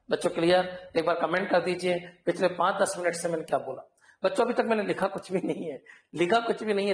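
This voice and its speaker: Man teaching class in echoey room. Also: high voice. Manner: repetitive, keeps checking "clear?" with students. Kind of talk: online class lecture.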